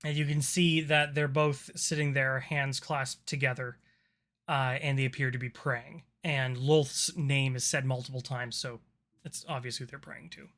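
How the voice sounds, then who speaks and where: A man narrating a tabletop roleplaying game as game master in a casual, halting way. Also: medium pitch, steady tone, fairly bright tone.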